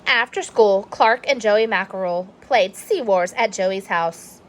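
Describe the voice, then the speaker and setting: A woman reads a children's storybook aloud, narrating expressively. Her voice is mid-range and her pace a little slow.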